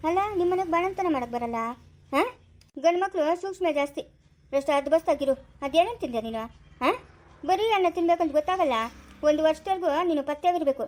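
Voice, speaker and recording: A woman with a rural Kannada accent from the Chikkaballapura area, playing a quarrelsome village mother-in-law in a family skit, scolding fast and sharply. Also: extremely high pitch, lively intonation, darkish tone.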